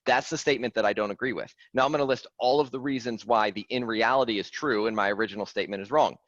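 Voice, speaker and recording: A man, coaching clients on a video call in an earnest, animated way, stressing key phrases by repeating them. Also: lowish voice, fast, no echo. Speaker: fitness coach. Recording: dry, dull lo-fi call audio.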